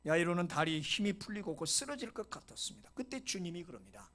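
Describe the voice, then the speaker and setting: This middle-aged pastor preaches with a high-pitched voice that swings widely in pitch and moves fast. He tells the story with drama, dropping to a whisper before each loud outburst and mixing in brief English phrases.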